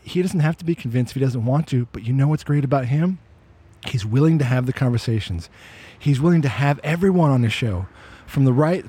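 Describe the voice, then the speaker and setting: Podcast guy walking outside, warm low-key tone, a bit husky, opinionated and chatty. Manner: opinionated, conversational, repeats words when restarting. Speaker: podcast host. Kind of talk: casual walk-and-talk podcast monologue. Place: outdoors on a walk.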